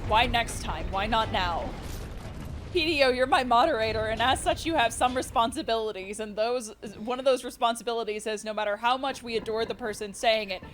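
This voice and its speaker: A woman speedrunner giving live commentary on her game, cooing baby talk to the creature and bursting out loud when things go well or wrong. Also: on the high side, noisy background. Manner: excitable, with sudden loud outbursts. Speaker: speedrunner streamer.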